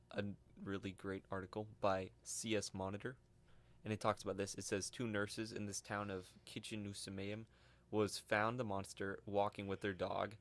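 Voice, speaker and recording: A young man co-hosting a casual podcast, speaking in a low voice. He reads articles aloud, trips over odd names and breaks into laughter often. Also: a bit bright. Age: young adult. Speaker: podcast co-host.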